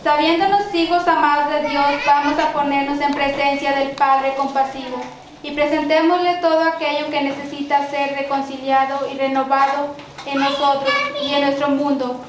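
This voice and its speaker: A woman with a Mexican accent leading liturgical prayers and readings at a church mass, in a measured recited cadence with occasional restarts. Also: high voice, level tone. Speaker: lay prayer leader. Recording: very echoey church with background noise.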